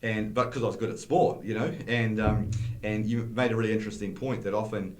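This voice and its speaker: A middle-aged man hosting a podcast interview, chatty and quick to agree. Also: on the low side, darkish tone. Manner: chatty, lots of agreeing "yeah"s. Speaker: podcast host. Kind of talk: casual interview chat. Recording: roomy echo.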